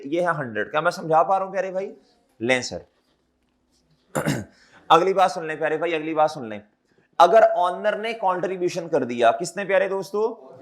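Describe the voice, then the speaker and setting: A man with a sore throat, giving a classroom accounting lecture and repeating his questions back to the students. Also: high-pitched.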